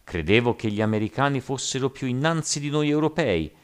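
A man's voice: mid-range voice, expressive, brisk, clear, resonant tone, pitched above the performer's own voice, close to an everyday voice. A man reading as a stern old sea captain. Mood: explaining.

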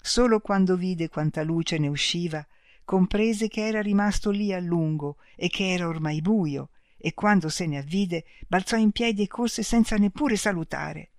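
Calm measured audiobook narrator. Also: mid-range voice, no room sound, clean studio sound. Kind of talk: audiobook reading.

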